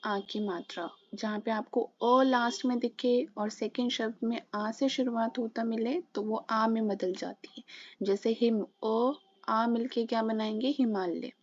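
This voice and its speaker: A woman's voice: a little high, fairly even intonation, a little slow, no room sound, highs cut off. A woman teaching a Hindi grammar lesson for exam preparation. She works through examples and answers her own questions.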